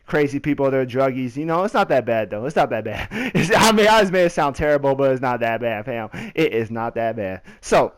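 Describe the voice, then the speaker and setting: Narrating a gaming video, this young adult American man talks to his audience directly, slangy and conversational. His medium-pitched voice is animated and smooth, moving fairly quickly with few pauses.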